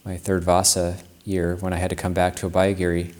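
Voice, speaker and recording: Speaking in a very low, level monotone that barely rises or falls, a male Buddhist monk gives a Dharma talk with a personal anecdote. He is unhurried and reflective, circling back and restarting sentences as he recalls his own practice. There's a slight mellowness to the voice.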